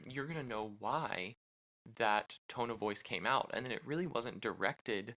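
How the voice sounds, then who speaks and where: A man's voice: mid-range voice, expressive, measured pace, bright, forceful tone. A man co-hosting a podcast with his wife, talking casually with lots of "you know" fillers and restarts. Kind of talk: casual chat.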